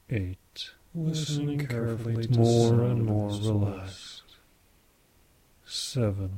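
A man guiding a scripted hypnosis induction, speaking softly and repetitively as he counts numbers. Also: on the low side, slight background noise. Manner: slow, soft, repetitive counting.

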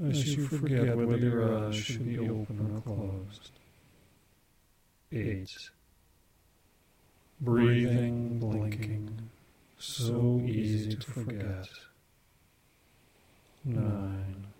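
A man guiding a scripted hypnosis induction, speaking softly and repetitively as he counts numbers. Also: on the low side, breathy edge. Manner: slow, soft, repetitive counting.

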